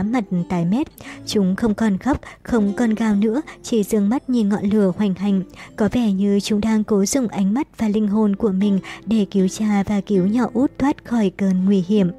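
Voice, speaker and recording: A woman reads a novel aloud as an audiobook, telling it briskly and dramatically. Her voice is mellow and dark in tone at a mid pitch. Faint music plays quietly behind her. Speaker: narrator.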